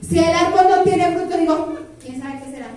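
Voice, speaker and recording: A middle-aged woman preaching a sermon in a lively way, with playful asides and lists that she half sings. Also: very high-pitched, brisk. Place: church hall. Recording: very echoey hall, far from mic.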